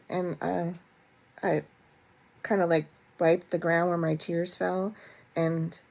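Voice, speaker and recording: Chatty woman vlogger, slightly low voice. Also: creaky. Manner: chatty and animated, with many fillers and restarts; self-mocking humor. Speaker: vlog host. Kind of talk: casual storytelling chat to camera.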